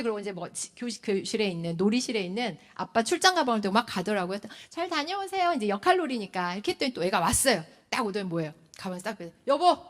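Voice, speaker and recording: A woman in her forties giving a lecture on parenting at a church, acting out what children and parents say. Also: medium pitch. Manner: animated, acts out children's and parents' lines.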